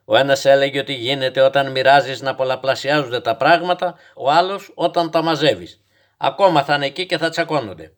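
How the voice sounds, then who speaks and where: A man's voice: mid-range voice, lightly acted. A man doing a stubborn old grandfather spinning tall tales. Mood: patient. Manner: calm, gently instructive, tall-tale telling.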